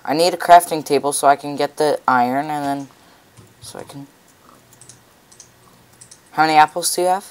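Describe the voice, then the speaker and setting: A man's voice: on the high side, normal speed, long pauses, clean tone. A man in a casual game commentary who plays alongside the host and blurts out his finds. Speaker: co-player.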